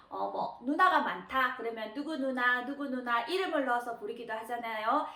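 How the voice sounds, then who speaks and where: A woman teaching Japanese kanji readings, patient, often pausing with fillers and repeating key words slowly. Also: fairly high pitch, a bit bright. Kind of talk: explanatory lesson narration. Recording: roomy echo.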